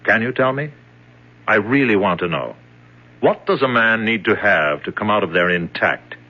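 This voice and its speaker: An actor in a 1970s radio drama, playing a polished, measured man who questions a freed prisoner. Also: fairly low pitch, lively intonation, pushed and bright. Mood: probing. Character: smooth, probing man in charge of the captive. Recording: dull old radio broadcast.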